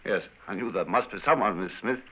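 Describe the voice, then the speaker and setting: An actor playing a kindly Victorian doctor in an old radio drama, stammering in a bluff, gallant way. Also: male voice, fairly low pitch, a little fast, bright, forceful tone, husky. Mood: earnest. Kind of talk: 1940s radio acting. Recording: dull old radio broadcast.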